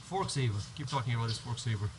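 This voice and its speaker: Animated and quick, a man with a mid-range voice shoots a casual how-to vlog through a head-mounted action camera, with heavy background noise around him. The setting is a home driveway by the garage, and his delivery is rambling, full of restarts, and step by step.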